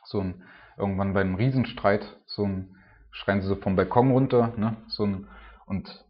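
A man with a deep, low voice preaching an informal sermon and then praying aloud. He talks in a colloquial, halting way and leans on filler words. The recording sounds dull and lo-fi. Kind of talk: informal sermon and spoken prayer.

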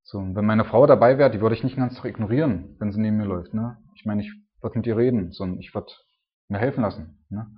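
Husky-voiced man preaching casually. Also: fairly low pitch, quick pace, dull audio. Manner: conversational, frequent tag "ne?" and "so". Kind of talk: casual sermon.

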